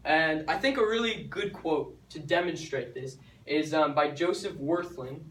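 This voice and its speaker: A man's voice: on the high side, unhurried, fairly bright tone, a little hiss or hum. A young man giving a student talk on stage, chatty and joking, who often trips over his words. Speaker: student speaker. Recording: echoey hall, mic far off.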